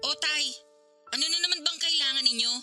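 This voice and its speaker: An actress plays a hurt, resentful grown daughter reproaching her father in an emotional radio drama. Her high-pitched voice is bright and forceful, fairly quick, with dramatic music underneath.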